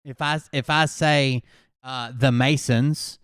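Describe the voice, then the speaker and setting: Man, host, casual commentary, skeptical, calm explainer, smooth clear voice, dry close sound. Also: medium pitch, slow, no echo. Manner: skeptical, explains calmly, swears.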